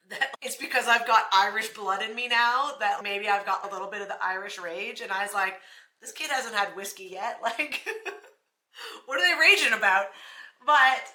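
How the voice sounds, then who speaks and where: Pregnant canadian gal vlogging, laughs a lot, bright voice, roomy echo. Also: female voice, fairly high pitch. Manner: chatty, self-deprecating, laughs often. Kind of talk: casual talk to camera.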